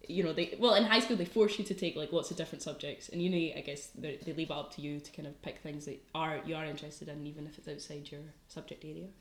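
Speaking fast with few pauses, this young adult woman has a deep, steady voice and a gentle Scottish lilt. She's a student guest in a casual podcast chat, laughing a lot and leaning on fillers, recorded with a roomy sound.

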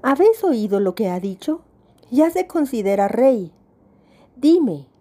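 A woman's voice: a little high, big pitch swings, measured pace, dark tone, pitched above the performer's own voice. A woman voicing a cruel, mocking male officer in a spoken story, with a harsh, taunting manner.

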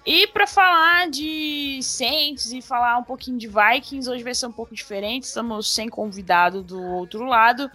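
Woman podcast host from Brazil, somewhat high voice, chatty and informal, casual chat. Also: sharp tone.

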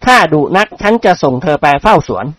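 Man doing a gruff blunt teacher. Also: high-pitched, expressive, brisk, fairly bright tone, no room sound, pitched above the performer's own voice.

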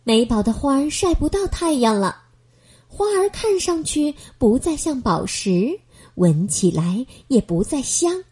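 A woman reading a children's bedtime story aloud in a gentle, expressive manner. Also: sits high, measured pace, slightly rough.

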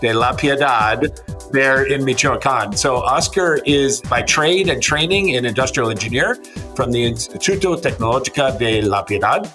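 Bright upbeat man hosting a podcast. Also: medium pitch, animated, normal speed, faint music behind. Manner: upbeat, teasing, reads guest bio. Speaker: podcast host.

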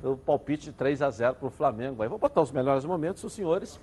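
A man's voice: medium pitch, lively intonation, fairly quick, darkish tone, a little hiss or hum. A man with a Brazilian accent hosting a TV football show with casual presenting and banter.

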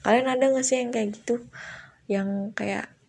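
A woman's voice: a little high, fairly even intonation, a little slow, gravelly. A young woman, chatting casually and confessionally to her viewers, slangy, laughing often. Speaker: vlogger.

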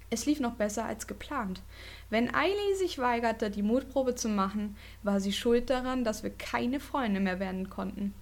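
Woman telling a ghost story. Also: fairly high pitch. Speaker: podcast host. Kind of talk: reading a ghost story aloud.

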